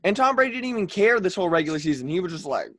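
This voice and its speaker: A man's voice: high voice, very animated, very fast, fairly bright tone, no room sound, clean studio sound. A young man co-hosting a sports podcast, ranting in an exasperated, sarcastic way. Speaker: podcast co-host. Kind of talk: casual sports podcast chat.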